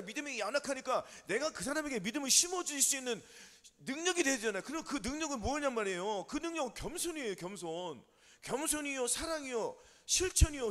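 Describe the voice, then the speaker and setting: A pastor preaching a sermon, constantly asking the congregation questions and answering them himself. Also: male voice, very high-pitched, a bit bright. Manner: call-and-response questions to the congregation. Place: church sanctuary. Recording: hall reverb.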